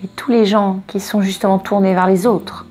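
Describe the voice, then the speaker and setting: A woman reading oracle cards and giving spiritual guidance in a casual, expressive way, wandering off into asides and repeating words for emphasis. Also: mid-range voice, moderate pace, faint music behind. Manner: expressive, digressive, emphatic repetitions. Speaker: oracle card reader.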